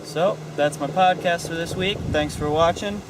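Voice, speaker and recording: Voice on the high side, pace moderate, this young adult American hosts a how-to car video with an offhand, informal style of explanation. He moves between a driveway outdoors and the inside of a parked car, with a noisy background throughout.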